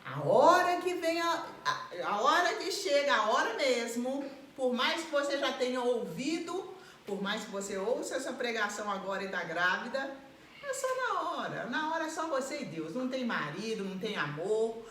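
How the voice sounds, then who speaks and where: A woman preaching a live sermon in an animated way, acting out the voices of people she describes. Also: a little high, moderate pace, slight background noise. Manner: animated, acts out quoted voices and laughs. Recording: echoey room.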